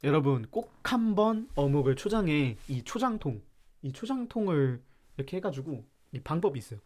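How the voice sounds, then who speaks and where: A man's voice: on the high side, very animated, moderate pace, a little mellow. A man from Chungcheong, South Korea, hosting a live stream and ranting about food in a playful, mock-serious way while reacting to chat.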